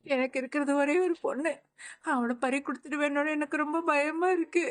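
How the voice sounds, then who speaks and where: A woman's voice: sits high, fairly even intonation, brisk, natural voice. An actress playing an anxious elderly grandmother in a TV serial, lamenting and wailing over a missing daughter. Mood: distraught. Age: older. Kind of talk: TV serial acting.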